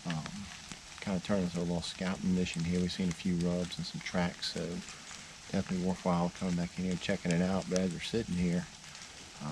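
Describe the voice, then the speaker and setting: A low-key, plain-spoken man hosting a hunting vlog, casually updating viewers from outdoors. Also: background noise. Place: outdoors in the field while hunting.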